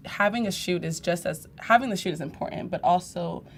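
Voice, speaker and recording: A woman from Arizona, a portrait photographer guesting on a live stream, explaining her shoot planning in a relaxed, chatty way and laughing easily. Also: on the low side, fairly quick, slight background noise. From United States (Phoenix, Arizona). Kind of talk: casual livestream tutorial chat. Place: studio in San Francisco.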